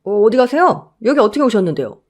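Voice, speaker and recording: A woman's voice: a little high, big pitch swings, fast. A woman voicing a blunt male security guard who mocks and drawls. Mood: suspicious.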